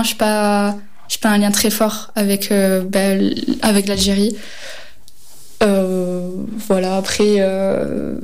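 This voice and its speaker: In a thoughtful interview, a teenage student speaks in a mid-range, slightly mellow voice. She pauses frequently and fills gaps with fillers as she works out what to say.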